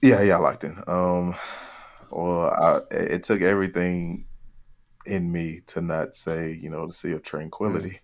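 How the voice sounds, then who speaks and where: A man's voice: deep voice, fairly even intonation, a little slow, slight background noise. A man playing a trivia game, chatting loosely with the others. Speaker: quiz player. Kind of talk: casual banter.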